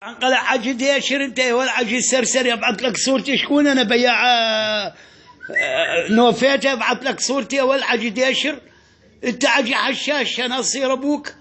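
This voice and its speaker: Man, Deir ez-Zor accent, very high voice, rapid scolding insults. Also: bright, forceful tone. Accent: Deir ez-Zor Syrian Arabic. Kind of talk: insult comedy voice message.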